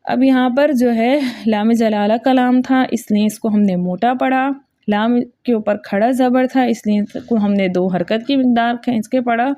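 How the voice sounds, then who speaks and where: A woman teaching the rules of Quran recitation in Urdu with a Pakistani accent, patiently repeating each point, checking understanding, and chanting verses slowly. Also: a little high, mellow, dry recording, studio quality. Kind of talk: tajweed lesson.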